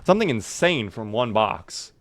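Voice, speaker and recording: A man's voice: mid-range voice, sing-song, normal speed, a bit bright, no room sound. A man doing casual live commentary while playing a survival video game, chatting to viewers in a wry, mock-dramatic way.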